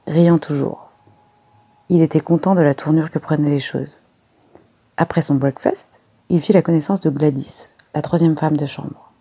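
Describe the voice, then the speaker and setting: An audiobook reader giving measured scripted narration. The voice is gravelly and dark, with a husky grain. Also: medium pitch. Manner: measured storytelling.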